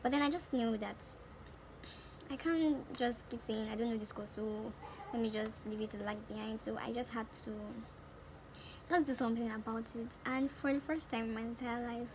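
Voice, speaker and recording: A woman's voice: on the high side, steady tone, normal speed. A woman in her twenties with a Nigerian accent, chatting casually and animatedly as a beauty vlogger. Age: 20s. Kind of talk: casual chat during a makeup tutorial. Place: small room at home. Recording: noticeable background noise.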